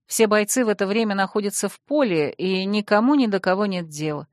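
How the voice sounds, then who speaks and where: A woman reads a first-person fantasy audiobook in a measured, expressive way. Her voice sits at a middling pitch, and the sound is dry and close, with no room around it. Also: no echo. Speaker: audiobook narrator.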